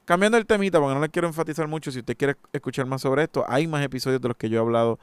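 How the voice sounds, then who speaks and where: A man's voice: a little high, racing, smooth, no room sound. A man hosting a solo podcast, giving an indignant, emphatic opinion monologue. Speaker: podcast host.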